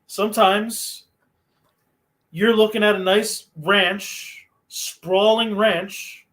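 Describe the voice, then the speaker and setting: Man, casual chat, high pitch, slow drawn-out delivery. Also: bright, forceful tone.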